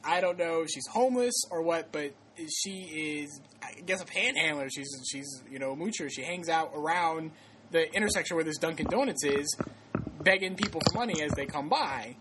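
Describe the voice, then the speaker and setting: A man's voice: fairly high pitch, animated, normal speed, a bit bright, slight background noise. A man hosting a casual podcast, telling stories in a rambling way with many fillers and restarts, often laughing. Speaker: podcast host.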